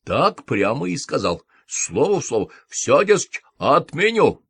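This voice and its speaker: A man's voice: a little high, sing-song, gravelly, fairly bright tone, husky, dry recording, heavily acted. Sugary old nurse woman, voiced by a man. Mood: coaxing. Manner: soothing, drawn-out, affectionate pet names. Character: old woman nurse, cooing, falsely sweet.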